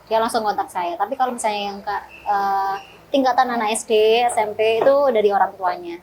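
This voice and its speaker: A woman's voice: medium pitch, brisk, darkish tone, slight background noise, rough recording. A young woman in her twenties, a student guest, explaining things in a friendly, casual way. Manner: friendly, answers in long explanations. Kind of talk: casual interview chat.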